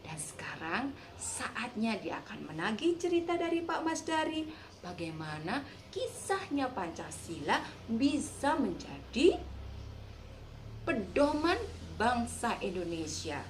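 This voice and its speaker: Cheerful high-voiced woman telling stories to children. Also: takes it slowly, noisy background. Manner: animated, cheerful, addresses children directly. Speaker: children's radio storyteller and host. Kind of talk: children's radio storytelling.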